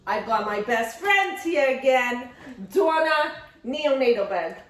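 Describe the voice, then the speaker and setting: A woman's voice: high-pitched, lively intonation, slow. Woman doing a gushy talk show host lady, lots of oy vey stuff, bouncy voice, echoey room, mic far off. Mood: gushing. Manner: gushing, peppered with Yiddish exclamations. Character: gushing, chatty female talk show host. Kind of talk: comedic sketch parody for nurse education. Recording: roomy sound from a distant mic.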